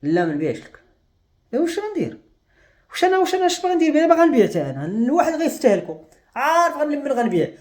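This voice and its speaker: A man's voice: very high voice, huge pitch swings, rapid-fire, a little mellow. A young man with a Moroccan Arabic accent, speaking to camera in an agitated, despairing rant. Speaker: vlogger. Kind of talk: emotional monologue to camera.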